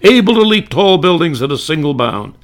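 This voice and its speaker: An older man imitating a dramatic male radio announcer from an old adventure serial, with an emphatic, drawn-out delivery. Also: a little high, very animated, pitched above the performer's own voice.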